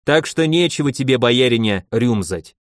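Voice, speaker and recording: A man voicing a calm, teasing middle-aged warrior who speaks in an easygoing, joking way. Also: mid-range voice, moderate pace, no room sound, close to an everyday voice.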